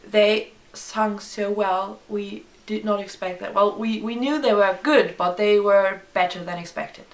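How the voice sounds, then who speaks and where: A woman's voice: mid-range voice, fairly even intonation. A young woman, agreeing and gushing as a vlog co-host about a concert. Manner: agreeable, gushing, many quick yeses. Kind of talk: casual chat reviewing a concert. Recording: roomy, distant mic, faint noise.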